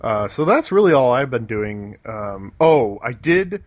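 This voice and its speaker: A man's voice: mid-range voice, sing-song, unhurried. A young man hosting a casual gaming podcast, talking with hesitant fillers and restarts and a dry sense of humor. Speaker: podcast host.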